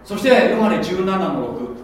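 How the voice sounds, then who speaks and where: A man preaching a sermon as pastor, animated and often checking that listeners follow along. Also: high voice, unhurried, slight background noise. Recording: echoey hall, voice from a distance.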